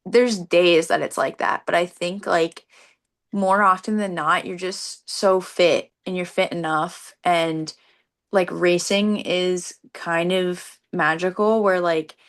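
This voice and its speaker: A woman's voice: lowish voice, steady tone, takes it slowly. A young woman runner talking earnestly in a casual interview, peppering her sentences with "like". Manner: earnest, frequent "like" as filler. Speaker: competitive runner being interviewed.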